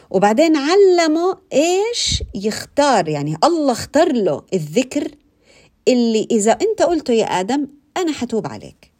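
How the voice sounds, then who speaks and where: A woman giving an informal religious talk, conversational and animated, repeating phrases and asking her listeners questions. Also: mid-range voice. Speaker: religious speaker.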